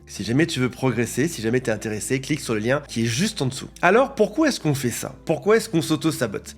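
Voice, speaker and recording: A man coaching viewers on psychology, explaining ideas in a direct, teaching way. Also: on the high side. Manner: didactic, addresses viewer directly, lists examples.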